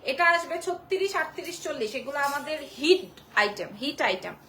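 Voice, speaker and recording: A woman selling clothes on a live stream from a small shop, repeating prices and sizes in a quick sales patter. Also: high voice, expressive, bright, forceful tone, a little hiss or hum. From Bangladesh. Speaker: online clothing shop seller.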